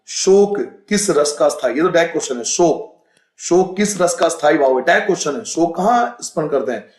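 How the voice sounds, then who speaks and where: A man's voice: medium pitch, echoey room, rough recording. A male teacher working through a school exam paper, explaining answers and repeating the key points. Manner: explains patiently, repeats key points, reads passages aloud slowly. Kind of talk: exam-prep lesson.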